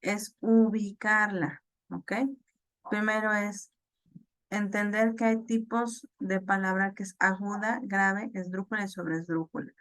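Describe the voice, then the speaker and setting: A woman teaching an online class, explaining slowly with fillers and repeats and checking in with "ok?". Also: medium pitch, fairly even intonation, fairly bright tone, dry recording. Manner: slow, halting explanation with many fillers and repeats; checks understanding with "ok?".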